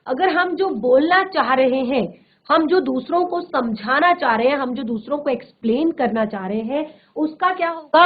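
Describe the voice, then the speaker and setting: Brief: female teacher, high voice, patient repetitive explaining, tinny phone-like audio. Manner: explains slowly with repeated examples and frequent filler "a". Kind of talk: classroom lecture. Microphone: studio virtual classroom mic.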